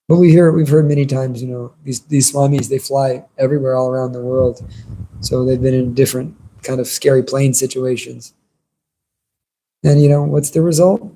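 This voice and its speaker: A man's voice: mid-range voice, vocal fry, warm tone, low-quality recording. A man giving an informal devotional sermon as a religious teacher, conversational and earnest in his delivery.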